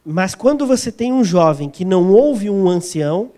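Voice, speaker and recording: A man with a Brazilian accent interprets a sermon phrase by phrase, now and then halting as he searches for the wording. His voice is high-pitched, expressive and mellow.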